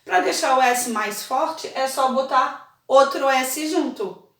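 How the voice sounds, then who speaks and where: A woman teaching a children's spelling lesson, slow and patient, often checking in with her pupils. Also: high voice, fairly bright tone. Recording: echoey room, voice a bit far from the mic.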